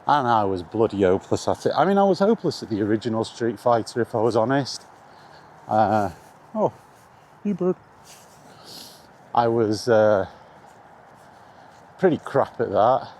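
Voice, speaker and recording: Walking through the rain, this British vlogger chats about video games in a relaxed, wandering way, swearing a little. He's mellow and lowish-voiced with a sing-song lilt, speaking at normal speed and pausing at length. Outdoor ambience sits faintly behind him.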